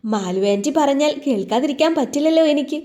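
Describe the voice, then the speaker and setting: A woman's voice: high-pitched, expressive, fast talker, warm tone, pitched above the performer's own voice. A woman voicing a cheeky young woman who teases with mock innocence. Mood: teasing.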